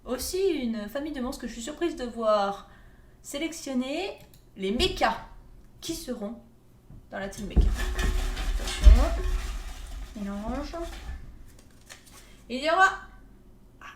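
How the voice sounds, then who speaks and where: A woman's voice: high-pitched, lively intonation, slow, long pauses. A woman hosting a live tournament pool draw, playful and joking with viewers. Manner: playful, laughs often, jokes with viewers. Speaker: host drawing tournament pools. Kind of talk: casual live-stream commentary. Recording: echoey room with faint noise.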